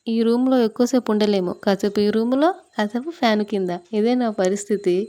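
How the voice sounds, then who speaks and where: A mother narrates her cooking in a casual vlog from a small, stuffy kitchen. She chats freely and keeps asking viewers questions. Her voice is mellow and soft-edged. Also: medium pitch. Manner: chatty, asks viewers questions. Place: small hot kitchen room.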